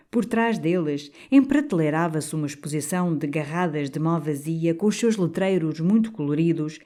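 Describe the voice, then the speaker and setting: Low, mellow female audiobook narrator.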